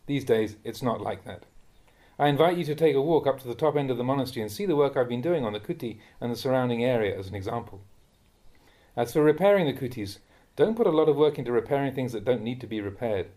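Mellow-voiced monk reading a stern talk. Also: male voice, medium pitch, lively intonation. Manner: measured and admonishing, rising sharply when scolding. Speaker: monk reading teachings aloud. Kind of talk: reading a Dhamma talk aloud. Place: monastery.

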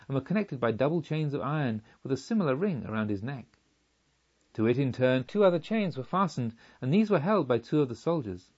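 A man narrating an audiobook in a measured, somber storytelling manner. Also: mid-range voice, darkish tone, dull audio. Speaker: audiobook reader.

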